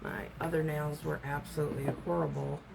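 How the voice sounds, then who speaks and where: Low, gravelly woman with smoker's rasp. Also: flat delivery, fairly quick, background noise. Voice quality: rough, raspy smoker's voice. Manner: rambling, self-deprecating, loses train of thought. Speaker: amateur nail tutorial host. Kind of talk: casual hands-on tutorial chat.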